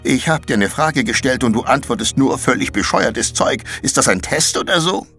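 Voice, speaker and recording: A man's voice: medium pitch, lively intonation, normal speed, creaky, a bit bright, soft background music, pitched above the performer's own voice. A man voicing an anxious, bewildered schoolboy caught up in an adventure, flustered and exclaiming, with a sarcastic streak, in a storybook reading.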